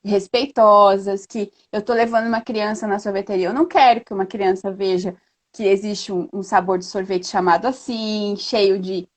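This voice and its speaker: A woman guest in a casual live chat, earnest and lively, often tagging her sentences with a questioning "né?". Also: medium pitch, normal speed. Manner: earnest, lively storytelling with frequent "né?".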